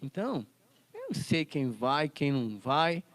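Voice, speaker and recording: A man's voice: on the high side, wildly swooping pitch, measured pace, fairly bright tone. A man teaching a Bible school lesson, quoting scripture and asking the class rhetorical questions. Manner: quotes scripture and acts out classroom scenes.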